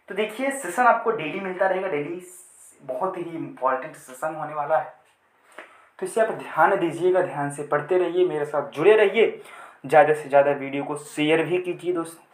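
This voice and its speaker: A man's voice: a little high, normal speed, roomy sound. A male teacher giving an English lesson in Hindi, repeating points and answering his own questions as he drills his viewers. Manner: addresses viewers as friends.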